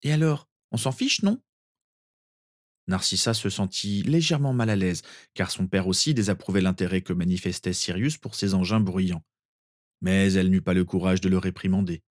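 Deep-voiced man narrating a story. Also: fairly even intonation, fairly quick, dry recording, clean studio sound.

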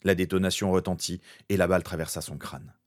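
Deep-voiced man narrating fan fiction. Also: steady tone, a little fast.

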